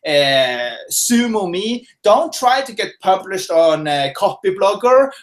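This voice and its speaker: A Norwegian man with a high, sing-song voice speaks slowly as a guest expert in a webinar interview, calling in from his home office. His answers are casual and chatty, packed with fillers and restarts.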